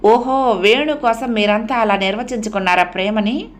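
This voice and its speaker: A woman's voice: on the high side, moderate pace, natural voice. A woman voicing a tearful, defiant young wife. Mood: angry. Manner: emotional, bursts out angrily.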